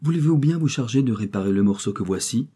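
A man's voice: medium pitch, lively intonation, fast, dark tone, slightly rough. A man reading the part of a polite, calculating male lace merchant in an audiobook novel. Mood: bargaining. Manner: courteous, bargaining tone.

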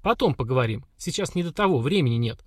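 A man voicing a calm, blunt young woman fighter who speaks curtly and matter-of-factly. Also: medium pitch, fast, slightly rough, no echo, clean studio sound. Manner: curt, matter-of-fact.

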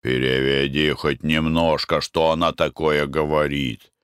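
A man's voice: fairly low pitch, lively intonation, measured pace, sharp tone, no echo, clean studio sound. A man voicing a henpecked middle-aged husband who coaxes his wife. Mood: coaxing. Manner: coaxing, wheedling.

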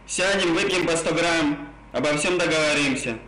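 A prank caller coaxes insistently in a casual phone chat, repeating himself, his r sounds burred and indistinct. His voice is a little high, pushed and bright, at a normal speed, over an echoey line with faint noise.

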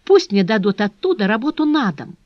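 A woman voicing a gentle young noblewoman. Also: fairly high pitch, big pitch swings, brisk, no room sound. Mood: earnest. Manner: gentle, earnest, composed. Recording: dull dry lo-fi recording.

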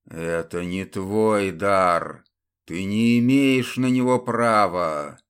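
A man voicing an undead templar knight, a grim, relentless fanatic who speaks in a hoarse, sepulchral voice with slow, menacing delivery. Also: lowish voice. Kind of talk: audiobook character voice.

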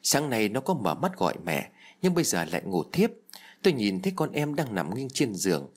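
A man voicing a fretful middle-aged mother in an audio storybook, talking in a rushed way. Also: lowish voice, big pitch swings. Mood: relieved. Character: relieved tearful mother, middle-aged woman.

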